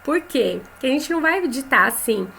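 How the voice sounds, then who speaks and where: Brazilian lady teaching, kinda high voice, says example words slow and clear, a little background hiss. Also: sing-song, bright, forceful tone. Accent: Brazilian Portuguese. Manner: conversational, tags phrases with "né?". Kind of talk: online lesson for teachers.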